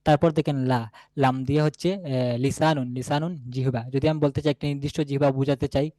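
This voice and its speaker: A man teaching a beginners' Arabic lesson, patiently repeating each example word slowly. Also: mid-range voice, level tone, warm tone, dry recording. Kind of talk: classroom lesson.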